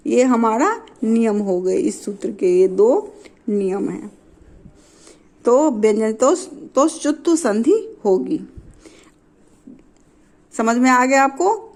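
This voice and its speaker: A woman gives a patient grammar lesson in a fairly high voice. She speaks slowly and spells out each rule step by step. She repeats the examples and keeps asking questions that she then answers herself. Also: a little mellow. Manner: asks and answers her own questions, adds "isn't it?" checks. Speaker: teacher.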